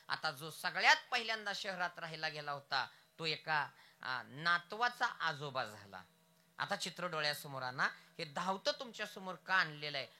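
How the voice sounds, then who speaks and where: A young male preacher narrating a devotional kirtan story. He surges in volume and drags out key phrases for effect. His tone is strikingly bright and sharp. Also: high-pitched. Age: young adult. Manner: dramatic, surging loudness, drawn-out stresses.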